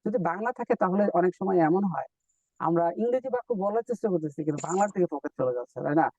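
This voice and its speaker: Male English teacher, high voice, distant dull mic, dry sound; patient step-by-step drills. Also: expressive, darkish tone, no echo. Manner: explains step by step, repeats drill words slowly. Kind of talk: live online lesson.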